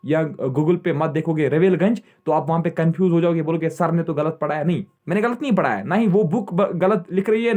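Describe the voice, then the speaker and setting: A man's voice: high-pitched, a little mellow. A young man teaching an exam-prep geography lesson, repeating key points, constantly checking in with his students and quizzing them before answering himself. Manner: repetitive, checks in with "theek hai" constantly.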